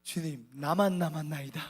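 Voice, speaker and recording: A Korean man in his thirties preaches a sermon as a missionary, recounting his story with humor and acting out the dialogue. His voice is a little high with a breathy edge, his pace unhurried, and he laughs often.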